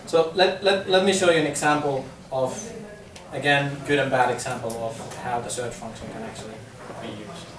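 A presenter from Finland, a man in his thirties with a Finnish accent, talks business casually to a room of listeners at a moderate pace in a mid-range voice, amid crowd noise. He repeats words and says um often in his chatty way. Captured by a distant camera with no microphone, the conference room echoes and a faint hum lingers.

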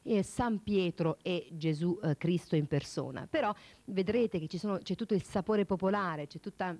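A woman with a lowish voice introduces a short segment as a TV presenter. She speaks thoughtfully, pausing often to find her words. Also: darkish tone. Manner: hesitant, thoughtful, many pauses. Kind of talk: studio introduction.

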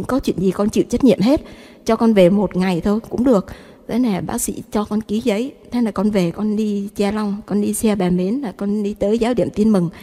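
A woman's voice: medium pitch, dark tone, big-room sound. A young mother, giving an emotional, tearful testimony to a priest. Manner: emotional, tearful when recounting.

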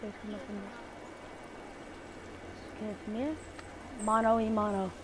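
A woman's voice: mid-range voice, little pitch movement, normal speed, noisy background. A woman streaming a shooting game, nervously talking herself through each move. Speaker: gamer streaming a match. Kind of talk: live gameplay commentary. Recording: loud gunfire behind voice. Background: game gunshots.

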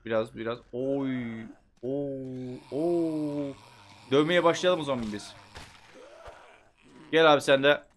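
A man giving casual gameplay commentary, chatting to himself and bursting into loud shouts at the game. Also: mid-range voice, fairly even intonation, takes it slowly, pauses often, slight background noise. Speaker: gameplay streamer.

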